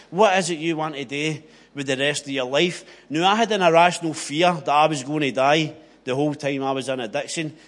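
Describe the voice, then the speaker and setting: Broad Scottish man giving earnest testimony. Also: on the high side. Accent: broad west of Scotland. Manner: earnest, plain-spoken, repeats phrases for emphasis. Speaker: speaker giving personal testimony.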